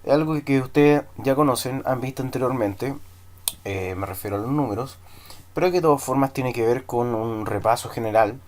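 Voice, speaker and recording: A man with a Chilean accent teaching a recorded English class, leading slow repeat-after-me drills and switching between English and Spanish. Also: medium pitch.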